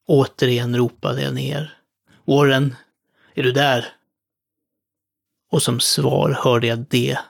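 A man solemnly narrating a horror story in the first person, with a measured delivery. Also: medium pitch, gravelly.

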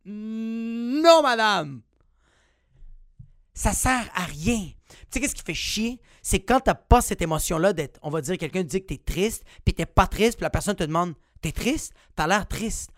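A man with a Quebec French accent telling a comic story as podcast host, profane and animated, with bursts of shouting. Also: sits high, measured pace, no echo, studio quality.

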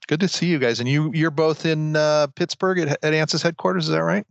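A man's voice: on the high side, steady tone, brisk, vocal fry, no echo, dull audio. An American man hosting a podcast indoors, interviewing guests in a casual conversational style. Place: indoors at home.

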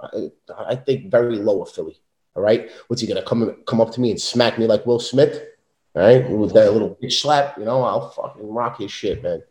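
A man's voice: on the low side, moderate pace, darkish tone, echoey room, rough recording. A man in his thirties with a Brooklyn New York accent, talking bluntly and tough in a casual interview. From South Brooklyn, New York, USA. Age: 30s. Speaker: professional wrestler, interview guest.

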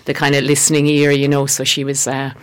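A woman in her fifties with a West of Ireland accent, reminiscing conversationally as an interview guest in a halting, reflective way. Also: rumbling low, monotone, clear, resonant tone. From West Galway, Ireland. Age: 50s. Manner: halting, reflective, peppered with "you know". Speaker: interview guest, herbalist and therapist.

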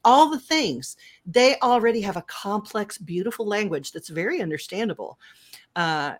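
A woman's voice: medium pitch, lively intonation, moderate pace. A woman chatting casually and giving her opinions, reflectively weighing both sides of her own argument.

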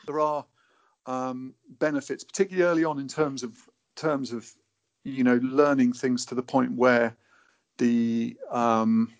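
Inside a wooden cabin, a male guest known for championing natural navigation talks at an unhurried pace with a steady tone and medium pitch. His conversational speech is thoughtful yet hesitant, with frequent word repetitions as he reasons things out, all captured in muffled, dull lo-fi audio.

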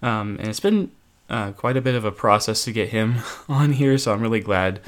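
A man's voice: fairly low pitch, animated, moderate pace. A man hosting a casual podcast interview, asking questions with many hesitant fillers. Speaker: podcast host.

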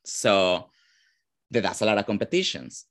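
Man, Venezuelan Spanish accent, fairly low pitch, casual interview talk, searches for words, lots of fillers. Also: very animated, normal speed. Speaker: drag performer, guest.

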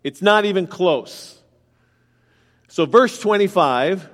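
A pastor preaches a sermon, going through scripture verse by verse and putting direct questions to his congregation. His high voice is expressive and fairly bright, slow-paced, with long hall reverb.

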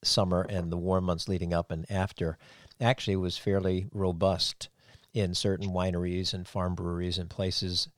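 Deep and level in tone, this man's voice moves at a moderate pace, recorded cleanly in studio quality without echo. He hosts a podcast, having once worked as a sound engineer, and in this relaxed interview chat he rambles through long run-on thoughts while praising his guest.

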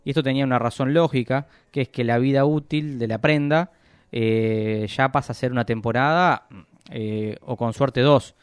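A man talks through business news in a measured, explanatory way, often pausing and restarting his sentences. His voice sits at an ordinary middle pitch, recorded close and dry with no room sound. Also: steady tone, clean tone, no echo. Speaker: economic analyst guest. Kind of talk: radio interview commentary.

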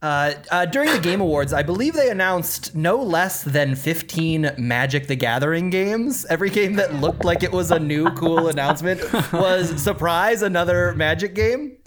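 Podcast guest, dry-humored, casual delivery, medium pitch. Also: lively intonation, moderate pace, hardly any pauses. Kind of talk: casual group chat.

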